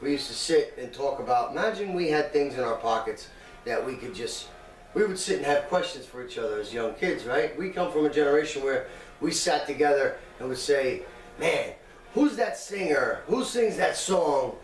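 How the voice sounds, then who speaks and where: A man's voice: medium pitch, expressive, a little fast. A man telling long, rambling stories in casual chat as co-host, restarting his sentences often. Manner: rambling storyteller, many restarts. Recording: roomy distant mic with music.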